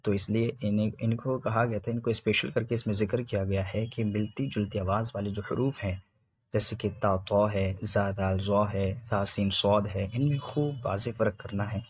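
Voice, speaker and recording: A male teacher giving a recitation lesson, drawing out syllables slowly in drills and explaining quickly in between. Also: on the low side, fairly even intonation, breathy edge. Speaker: Quran reading teacher.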